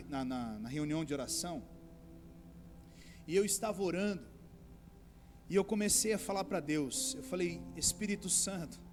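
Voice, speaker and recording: Man, pastor, sermon, high voice, fervent pleading bursts, soft music underneath. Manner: preaching with rising, pleading outbursts; addresses listeners as brothers.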